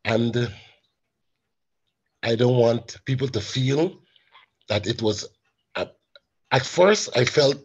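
A man's voice: medium pitch, breathy edge, highs cut off. A man speaking as a caregiver, giving a heartfelt personal testimony in a webinar, his voice breaking with tears as he recalls dialogue. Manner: heartfelt, acts out quoted dialogue. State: tearful, voice breaking. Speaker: caregiver sharing his story.

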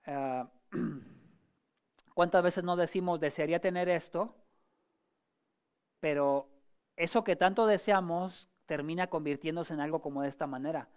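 A male pastor giving a sermon in a conversational way, asking the congregation rhetorical questions and often pausing or restarting his phrases. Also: a little high, a little mellow. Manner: frequent hesitations and restarts.

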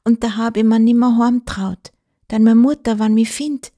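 A woman's voice: a little high, steady tone, normal speed, warm tone, voice pushed up, lightly acted. A woman voicing a frightened young girl who has run away, pleading in a Bavarian accent. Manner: pleading, breathless dialect speech.

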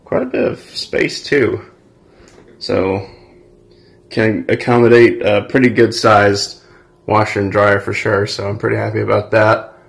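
Indoors in vacant apartment rooms, a twenty-something American man vlogs a casual tour into a handheld phone kept at arm's length. His delivery is unhurried and fairly even, pitched on the low side with some vocal fry.

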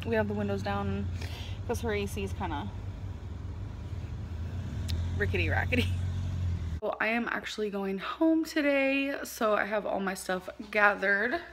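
A woman's voice: mid-range voice, fairly bright tone, a little hiss or hum. A woman, chatting casually to her phone camera in a vlog, giggling as she talks. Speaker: vlogger. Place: parked car, home and store. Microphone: phone camera at arm's length.

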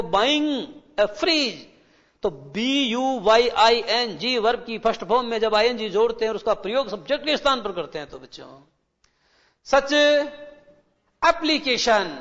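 A man teaching English as a televised classroom lecture, addressing children and asking them rhetorical questions, reading English phrases slowly before explaining them. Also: sits high, fairly bright tone. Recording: dull lo-fi broadcast with long reverb.

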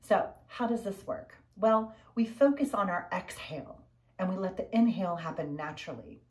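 An older woman teaching a guided breathing lesson as a yoga instructor, talking in measured short phrases with pauses. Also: medium pitch, darkish tone. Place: furnished living room, indoors.

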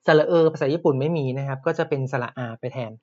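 A man teaching Japanese words in a podcast lesson, explaining patiently and repeating each word slowly. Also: a little high, steady tone, mellow, lo-fi sound.

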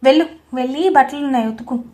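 A spiteful young sister-in-law, voiced by a woman, who taunts and gloats while stirring up trouble. Her voice sits fairly high in this audio story. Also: fast, darkish tone, lightly acted. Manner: taunting, gleeful.

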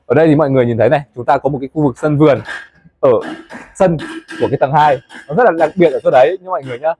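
A young man presenting a tour of a café building site, talking quickly and chattily to viewers, recorded on a lapel mic inside a large wooden building. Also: a little high, warm tone, a little hiss or hum. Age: young adult. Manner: fast, chatty, addresses viewers as "mọi người". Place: indoors in a large wooden café under construction.

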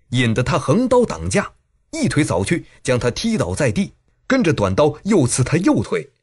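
A man narrating a martial-arts audiobook with dramatic, animated delivery. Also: slightly rough. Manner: dramatic, highly animated reading.

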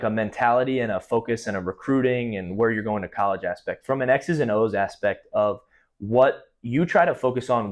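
Young male podcast host, lowish voice, thoughtful long-winded questions, small studio. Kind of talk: casual interview. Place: small indoor studio room.

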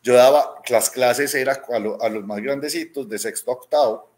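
A slightly mellow, medium-pitched voice at a moderate pace belongs to this robotics teacher in his thirties. Speaking with a Medellín Colombian accent during a video-call interview from a small room at home, he tells stories conversationally, voices the quoted dialogue, and frequently tags with "¿cierto?".

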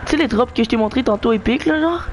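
A gamer chatting live through a game with friends, excitable, cheering teammates on and mixing in English slang and swearing. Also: mid-range voice, racing, slight background noise.

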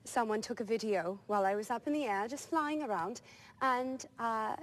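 Woman playing a prim, polite nanny with a high, bright voice; light background noise. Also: normal speed, lightly acted, poor audio. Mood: cheerful. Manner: polite, proper, giggly. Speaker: stage actress in character. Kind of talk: live TV interview in character.

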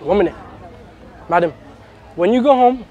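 High-pitched young man, London roadman accent. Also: lively intonation, normal speed, lo-fi sound, crowd noise, background noise. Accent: London, urban roadman slang style. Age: 20s. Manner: brash, slangy roadman delivery. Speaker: prank vlogger. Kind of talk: casual street prank banter. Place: large clothing store and shopping centre.

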